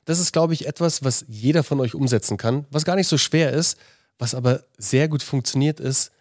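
A man's voice: mid-range voice, moderate pace, no echo, studio quality. A man co-hosting a marketing podcast, upbeat and speaking straight to the listeners. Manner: upbeat, encouraging, addresses listeners directly. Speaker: podcast co-host. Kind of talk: casual podcast chat.

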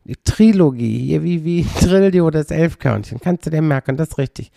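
A man with a slightly high, gravelly and husky voice rambles through a casual podcast monologue. He is wry and keeps imitating other people's pronunciations. The recording is dry and close. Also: expressive, moderate pace, dark tone, dry recording. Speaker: podcast host.

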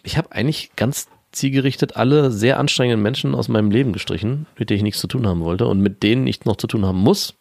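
A man in his thirties co-hosting a casual podcast, speaking dry and matter-of-fact, often trailing off into a low mutter. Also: quick pace, gravelly, hardly any pauses, a little mellow, dry recording. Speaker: podcast co-host.

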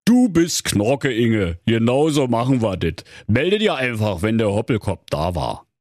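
A man's voice: on the low side, sing-song, normal speed, a little mellow, no echo, clean studio sound, voice pushed up. A man voicing a scheming male Mettigel in a comic radio fairy tale, with a Berlin accent and a smug, slangy way of talking. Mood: sly.

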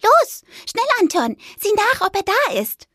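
A woman voicing a shy, gentle little mouse in a children's story, with a high, squeaky, timid voice. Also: huge pitch swings, unhurried, dry recording, clean studio sound, heavily acted. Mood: urgent.

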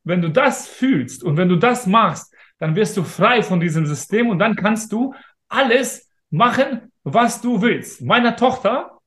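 Man, 30s, fairly high voice, emphatic, motivational, casual interview, roomy echo. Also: animated, measured pace, a bit bright. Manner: emphatic, motivational, talks straight to listeners. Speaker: interview guest.

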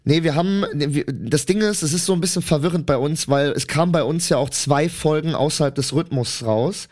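A man's voice: a little high, a little fast. A man in his twenties co-hosting a podcast who tells an anecdote with lots of fillers. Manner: rambling, many fillers, animated anecdote. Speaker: podcast co-host. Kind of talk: casual chat storytelling.

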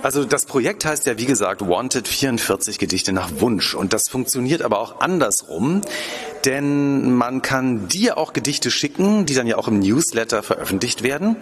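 Man, medium pitch, casual co-host, conversational interview questions. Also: lively intonation, moderate pace.

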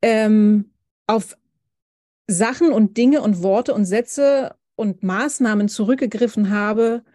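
A woman in her thirties, a family counselor, talking in a casual podcast conversation, thoughtful and halting with many restarts. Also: medium pitch, warm tone, no room sound, clean studio sound.

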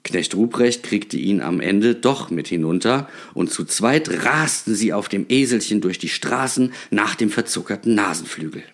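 A man reading a story aloud with expressive, theatrical delivery. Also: on the low side, moderate pace, hardly any pauses. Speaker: narrator.

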